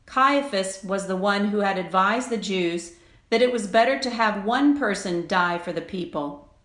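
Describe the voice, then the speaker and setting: A woman's voice: medium pitch, unhurried, a bit bright. Woman reading scripture in an echoey room. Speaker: scripture reader. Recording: roomy, echoing sound.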